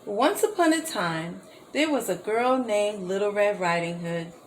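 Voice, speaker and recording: A woman reading a children's story aloud as a storybook reader, slow and gently expressive. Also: mid-range voice, slight background noise, low-quality recording.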